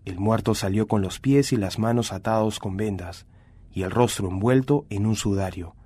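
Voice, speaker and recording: Man giving a steady scripture reading. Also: on the low side, moderate pace, husky. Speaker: Bible reader.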